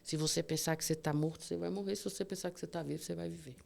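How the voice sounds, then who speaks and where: A woman, telling her own hard story as a podcast guest, animated and vivid, acting out what people said. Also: sits low, racing, creaky. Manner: vivid, animated retelling with acted-out dialogue and sound words. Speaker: guest, cancer survivor. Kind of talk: emotional storytelling in a podcast interview.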